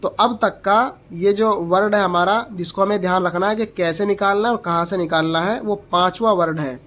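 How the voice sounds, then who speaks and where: A Quran reading teacher giving a slow, step-by-step pronunciation lesson, explaining where each letter is formed and repeating its sound aloud. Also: mid-range voice, steady tone, fairly bright tone. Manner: patient, explains slowly and models each letter sound aloud several times; asks the learner short checking questions.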